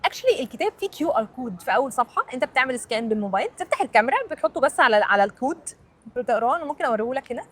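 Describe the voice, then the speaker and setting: Egyptian woman English teacher, casual explainer, rapid and high-pitched. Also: big pitch swings, breathy edge. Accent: Egyptian Arabic.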